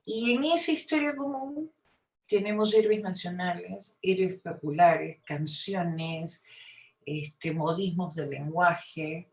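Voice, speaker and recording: A woman's voice: lowish voice, fairly even intonation, slow. A woman from Peru with a Peruvian Spanish accent gives an informal academic talk in a conversational way, often adding little tag questions. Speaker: academic, film historian speaking at a seminar. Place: seminar room, indoors. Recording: echoey room sound.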